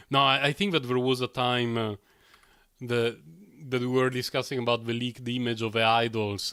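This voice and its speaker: A man's voice: mid-range voice, a bit bright, clean tone. A man chatting casually while live-streaming video games, rambling and often chuckling to himself. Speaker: game streamer.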